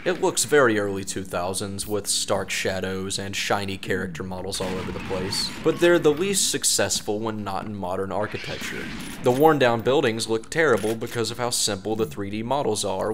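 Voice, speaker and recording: Low-voiced man narrating over noisy game ambience. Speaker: video game reviewer. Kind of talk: scripted video essay narration.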